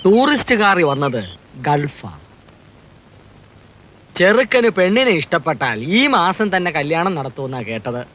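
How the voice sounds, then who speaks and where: A man's voice: sits high, animated, measured pace, pauses often, fairly bright tone, rough recording. An actor playing a talkative, opinionated village father, chatty and admonishing, in a film drama. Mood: knowing, grumbling.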